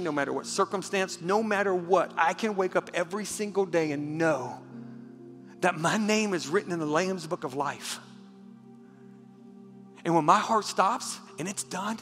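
A man preaches from the pulpit with fervor, his voice pitched high and bright. He stumbles over repeated words as he pushes on, then sinks to a near whisper. The sound carries a long church-hall reverb with faint music beneath. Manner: passionate, repeats words when moved, drops to a hush for the story. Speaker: pastor. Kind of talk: sermon. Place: church sanctuary.

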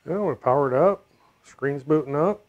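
A middle-aged American man narrating a hands-on repair casually, in a low-key way, as if muttering to himself while he works. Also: measured pace, dull audio. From United States. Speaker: DIY repair video host. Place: home room, indoors.

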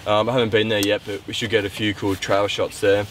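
A man's voice: fairly low pitch, little pitch movement, fairly quick, a bit bright. Young man, from Tasmania, casual vlog, enthusiastic, handheld camera, noisy outdoor sound. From Tasmania, Australia. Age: young adult. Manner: enthusiastic, rambling with ums. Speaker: vlogger. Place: outdoors on a wet, windy mountain. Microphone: handheld camera held at arm's length. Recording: outdoor vlog with noticeable background noise.

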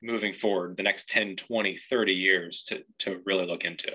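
A man speaking as a panelist physician, giving measured, explanatory commentary. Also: sits low, fairly even intonation, bright, forceful tone, breathy edge, rough recording. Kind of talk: expert commentary.

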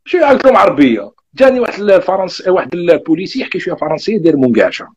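Young Algerian man, rapid animated storyteller, husky high voice. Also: muffled recording. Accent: Algerian Arabic. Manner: animated, rapid retelling with quoted back-and-forth. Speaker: vlogger telling his migration story. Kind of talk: casual storytelling.

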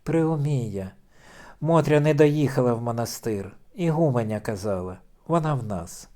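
A man's voice: mid-range voice, lively intonation, normal speed, dark tone, close to an everyday voice. A man voicing a distressed middle-aged noblewoman, pleading and tearful, in an audiobook reading.

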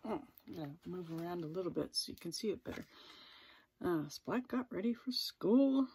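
A woman reading a children's picture book aloud as a teacher's circle-time video, pausing for little asides to her viewers. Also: fairly low pitch, husky. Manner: gentle, lively, with asides to viewers. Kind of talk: storybook read-aloud for children.

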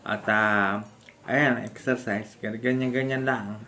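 Halting, chuckling Filipino man. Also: on the low side, fairly even intonation, sharp tone, slight background noise. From Philippines. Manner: halting speech with frequent fillers and restarts; laughs often while explaining. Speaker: stroke survivor sharing home exercises. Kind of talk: casual instructional vlog.

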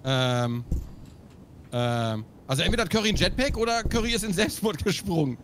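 A man playing a game with friends, loud and excitable, swearing and calling for help over a headset. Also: high-pitched, moderate pace, noisy background. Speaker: let's play co-player. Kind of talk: casual gaming chat.

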